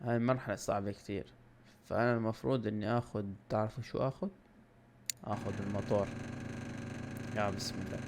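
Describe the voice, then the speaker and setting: A man in his twenties with a Levantine Arabic accent, doing excitable let's-play commentary for his channel, swinging between loud outbursts and low muttering. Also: quick pace, gravelly, long pauses, background noise. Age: 20s. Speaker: gaming YouTuber. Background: loud game music.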